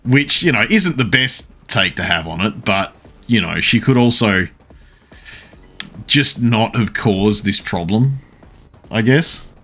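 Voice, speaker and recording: A man with a fairly low voice chats casually on a live game stream, stopping often to gather his thoughts as he answers his viewers. Faint game music plays softly behind him. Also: expressive, slightly rough. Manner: responds to chat messages, pausing often to think. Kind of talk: casual live-stream chat while gaming.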